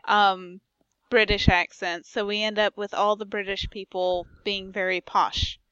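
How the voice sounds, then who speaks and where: A woman co-hosting a podcast in a giggly, animated casual chat. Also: mid-range voice, unhurried, smooth, no echo, lo-fi sound. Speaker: podcast co-host.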